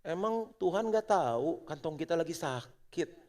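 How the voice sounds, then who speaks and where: A middle-aged male pastor preaching a sermon, moving between loud exhortation and hushed prayer. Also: on the high side, lively intonation, unhurried. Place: church auditorium. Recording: long church hall reverb.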